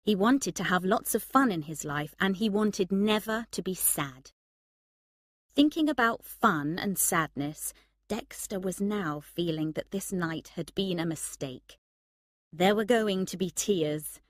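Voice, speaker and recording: A woman narrating a story for English learners in a slow, measured, clear reading. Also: medium pitch, expressive, no room sound, studio quality. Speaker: audiobook narrator.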